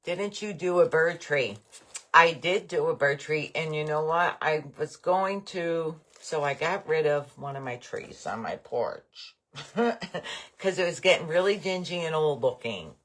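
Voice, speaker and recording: Slow-talking older woman chatting on a craft livestream. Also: deep voice, lively intonation. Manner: chatty, rambling, enthusiastic about bargains. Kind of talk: casual live-stream chat with viewers.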